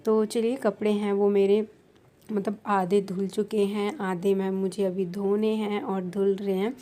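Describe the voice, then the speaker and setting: A woman's voice: medium pitch, flat delivery, measured pace, dark tone. A young Indian woman, a vlogger from India, talking casually as she explains her household chores step by step. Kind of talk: casual voice-over narration.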